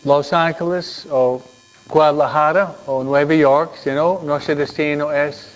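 Male children's teacher, high and lively, unhurried, lo-fi sound. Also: slight background noise. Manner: animated storytelling with questions to the kids. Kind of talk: Sunday school lesson. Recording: dull lo-fi recording.

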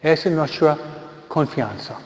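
A man preaching a funeral homily as a priest, slow and deliberate, moving between Spanish and English. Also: on the high side. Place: church. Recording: echoey church hall, slightly dull sound.

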